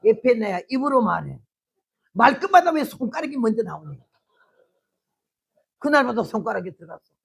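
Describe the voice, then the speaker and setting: Older woman missionary preacher, gravelly voice, lively storyteller who acts out dialogue and shouts for effect. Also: fairly high pitch, normal speed, long pauses. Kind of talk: testimony sermon.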